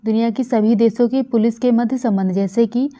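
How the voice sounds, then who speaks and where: Speaking at a moderate pace in a steady, dark, slightly high voice, a woman from India gives an exam-prep talk on current affairs. She repeats important facts and uses fillers often, and the sound quality is dull and lo-fi.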